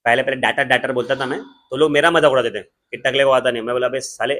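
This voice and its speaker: A man with an Indian accent teaching an accountancy class in a joking, lively way, slowing down to dictate definitions. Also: mid-range voice. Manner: lively, joking, switches between Hindi and English, slows down to dictate definitions. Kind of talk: classroom lecture.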